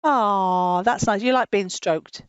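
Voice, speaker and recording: A woman presenting a children's program, telling a Bible story in a lively way and laughing often. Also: medium pitch, takes it slowly, smooth, dry recording, dull audio.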